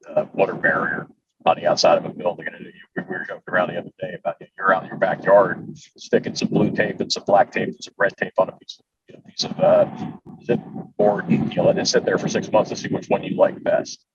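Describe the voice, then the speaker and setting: A low-pitched man joins a panel discussion over a conference call. His audio is distant and dull, with clear line noise underneath, and he explains with a swinging, animated pitch and wry remarks. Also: quick pace. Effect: heard over a conference call line. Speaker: commercial builder on a panel.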